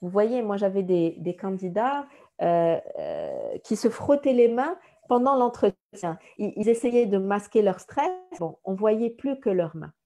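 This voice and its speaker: Mellow-voiced woman teaching a workshop. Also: medium pitch, big pitch swings, measured pace. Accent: Moroccan French. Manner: didactic, enumerating points, acts out recruiter lines. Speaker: career workshop trainer.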